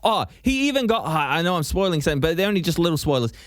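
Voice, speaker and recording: Animated New man, casual chat. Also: on the high side, racing, dry recording, studio quality. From New Zealand. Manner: animated, swearing, frequent "you know what I mean". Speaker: podcast co-host.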